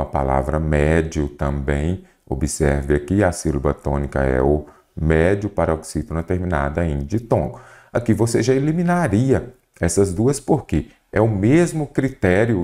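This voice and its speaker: A man with a Brazilian Portuguese accent teaching an exam prep grammar lesson, explaining step by step and asking the viewer questions. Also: deep voice. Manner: didactic, questioning the viewer, lively emphasis.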